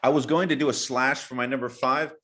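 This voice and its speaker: A man's voice: medium pitch, fairly even intonation, brisk, a bit bright. A young adult man co-hosting a podcast, laid-back and teasing as he debates movies. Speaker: podcast co-host. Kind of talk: casual film debate.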